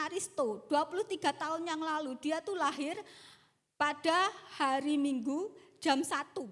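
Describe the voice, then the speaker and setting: Playful woman pastor, lively high voice. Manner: playful, teasing the congregation. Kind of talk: humorous sermon storytelling. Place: church hall in Bali. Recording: long church-hall reverb.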